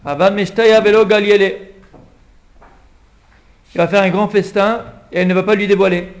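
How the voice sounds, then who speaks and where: A man, a rabbi, giving a lively Purim Torah class and acting out the king's pleading for a small audience. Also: high voice, normal speed. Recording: echoey room, faint background hum.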